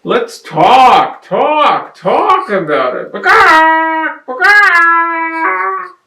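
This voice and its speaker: A fussy, anxious chicken squawks in a shrill, piercing voice that sits far above a normal speaking voice, as a man puts it on for a storybook reading. It keeps repeating itself. The voice is picked up from a distance in a roomy space with a faint hiss behind it. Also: big pitch swings, very slow, vocal fry, bright, forceful tone, exaggerated voice. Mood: fretful.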